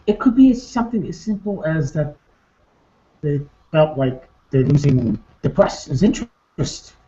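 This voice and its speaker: A man with a slightly high, warm voice, big pitch swings, and a measured pace co-hosts a casual online talk show, chatting informally and in a subdued way. It's a casual two-person chat from an indoor room during an online video hangout, and the call sounds muffled, echoey, and faintly noisy.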